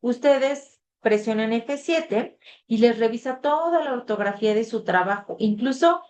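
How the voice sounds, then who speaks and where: A woman's voice: on the high side, unhurried, darkish tone, a little hiss or hum. A woman leads an online class as a tutor. She talks in a loose, conversational way and leans on fillers as she goes. Her voice comes through a video-call microphone. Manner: conversational, reads the chat aloud, filler "este".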